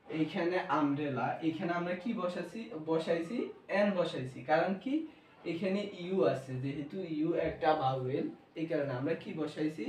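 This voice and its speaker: A man's voice: fairly high pitch, darkish tone, far from the mic, a little hiss or hum. Bangladeshi male teacher in an echoey room. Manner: asks the class questions and answers them himself. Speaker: English grammar teacher. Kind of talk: classroom grammar lesson.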